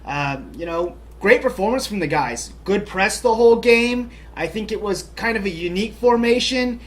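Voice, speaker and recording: A man co-hosts a casual soccer talk show, his high-pitched voice lively in intonation and moderate in pace. He's upbeat and chatty, filling his speech with lots of "you know."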